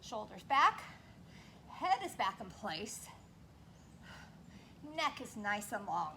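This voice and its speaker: A woman leading a workout while exercising along, somewhat breathless, giving short form cues and steady encouragement. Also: mid-range voice, slow, creaky, slight background noise. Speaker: fitness instructor leading a workout. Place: indoors on carpet.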